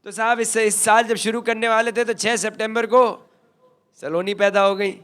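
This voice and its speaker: A man's voice: sits high, flat delivery, moderate pace, fairly bright tone, smooth. An older man giving a motivational stage talk in a folksy, emphatic way, addressing the crowd directly. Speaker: motivational speaker.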